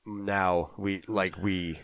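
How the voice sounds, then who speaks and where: A man co-hosting a casual podcast from his home basement music room, talking in a halting way with many fillers and restarts. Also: deep voice, flat delivery, fairly bright tone, clear, resonant tone, no room sound. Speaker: podcast co-host. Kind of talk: casual chat.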